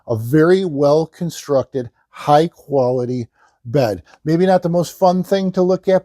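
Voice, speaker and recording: A man's voice: medium pitch, warm tone, dry recording, clean studio sound. A man presenting a product demonstration as a hard-sell ad, emphatically repeating selling points. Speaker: infomercial presenter and salesman. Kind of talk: sales pitch, product demonstration.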